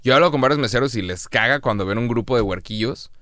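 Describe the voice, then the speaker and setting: Loud swearing Monterrey-accented man. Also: medium pitch, fast, no room sound, clean studio sound. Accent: northern Mexican (Monterrey). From Monterrey, Mexico. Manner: loud, profane, animated, puts on mocking voices. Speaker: podcast co-host. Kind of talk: casual podcast chat.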